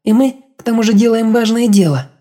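A woman's voice: a little high, fairly quick, mellow, natural voice. A woman voicing an eager, vengeful young female fighter in an audiobook, talking with impatient urgency. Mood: urging. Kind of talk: audiobook character voice.

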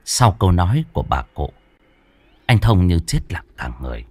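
A man narrating a ghost story in an expressive, dramatic storytelling style. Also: deep voice, normal speed, dry recording.

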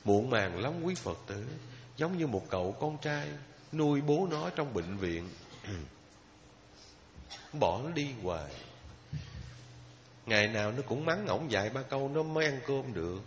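A man giving a Buddhist dharma talk as a sermon, telling a story with emotion and pausing at length as he speaks straight to his listeners. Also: medium pitch, animated. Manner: emotional storytelling, drawn-out pauses, addresses listeners directly. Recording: lo-fi recording with long hall reverb, faint noise.

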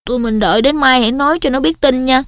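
Woman voicing a soft-spoken teen schoolboy, calm, storybook reading. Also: high-pitched, fast talker, no echo, studio quality. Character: calm, quiet teenage schoolboy.

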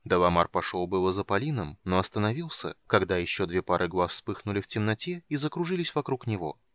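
A man narrating a fantasy audiobook in an even, measured reading. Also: low voice.

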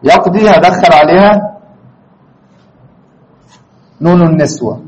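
A man's voice: high-pitched, unhurried, darkish tone, rough recording. A man with an Egyptian Arabic accent teaching a grammar lesson to a class, constantly quizzing students with questions. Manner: questioning, prompts students for answers.

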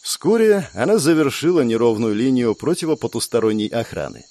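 Brief: male audiobook narrator, expressive, lively intonation. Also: mid-range voice, brisk. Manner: expressive storytelling.

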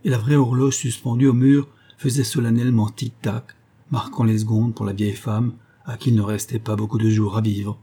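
A man reads a gothic tale aloud in a low, dark voice with a husky grain. His delivery is measured narration for an audiobook. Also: level tone.

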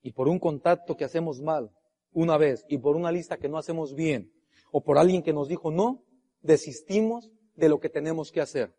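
A middle-aged man giving a motivational convention speech, swinging between shouted resolve and hushed storytelling. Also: fairly high pitch, moderate pace, slightly rough. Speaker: motivational speaker. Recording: long reverb of a large hall.

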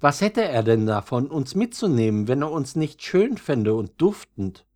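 A man reading a storybook, voicing an older violet flower who muses hesitantly and softly. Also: mid-range voice, sing-song, moderate pace, natural voice. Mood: musing. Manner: hesitant, musing, soft. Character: older doubting violet flower, thoughtful, gentle.

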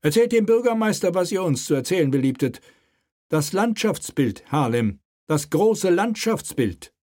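Man doing a sharp, imperious old king. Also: high-pitched, sing-song, normal speed, voice pushed up. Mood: demanding. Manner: sharp, commanding, pompous.

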